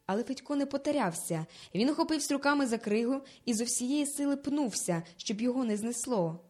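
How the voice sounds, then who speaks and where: A woman narrating a children's story in a lively, dramatic reading style. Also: a little high, a little fast.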